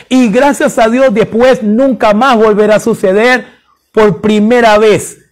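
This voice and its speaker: A man preaching a sermon, repeating phrases for emphasis and speaking straight to his listeners. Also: high-pitched. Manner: repetitive, emphatic, addresses listeners directly.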